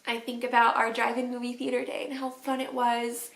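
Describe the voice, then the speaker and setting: A woman teacher crying through a tender, halting video message to her students, with sniffles and teary laughs. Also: fairly high pitch, level tone, vocal fry, fairly bright tone, reverberant, poor audio. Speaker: third grade teacher.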